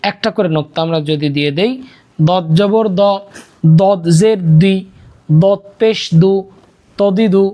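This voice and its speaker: Patient Quran tutor, mid-pitched, drills syllables slowly, asides a bit quicker. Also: highs cut off. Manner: repeats letter-vowel drills in a steady chant, then explains briskly. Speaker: Quran reading teacher. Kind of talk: slow drilled recitation lesson.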